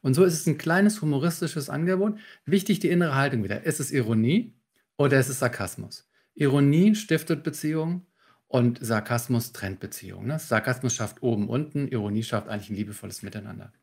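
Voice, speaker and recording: A man with a gravelly, slightly husky voice talks in a podcast interview as a communication trainer. He explains calmly and instructively, walking through techniques step by step. His pitch sits in the middle range. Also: brisk. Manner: calm, instructive, walks through techniques with examples.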